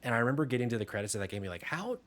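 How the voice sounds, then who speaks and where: A man with a mid-range voice leads a relaxed panel conversation. He sounds upbeat and keeps the talk moving, handing turns to the others. His delivery is friendly and casual. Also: mid-range voice, rapid-fire. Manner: upbeat, moves the panel along. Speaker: host.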